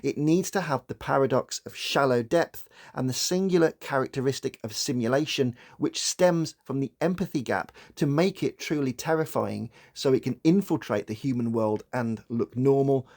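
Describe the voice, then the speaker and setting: A man hosting a psychology channel, giving scripted video-essay narration in a measured, explanatory way. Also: mid-range voice.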